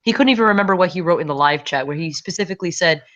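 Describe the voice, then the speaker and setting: A woman's voice: on the low side, very fast, a bit bright. A woman from New York, the channel host, chatting bluntly and casually on a video call through her laptop mic, swearing freely. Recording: dull lo-fi laptop audio.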